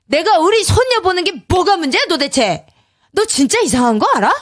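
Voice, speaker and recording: A man's voice: extremely high pitch, animated, normal speed, a bit bright, no echo, studio quality, pitched above the performer's own voice, full character voice. A woman voicing a pushy older father-in-law who scolds and snaps. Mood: angry. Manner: brusque, scolding.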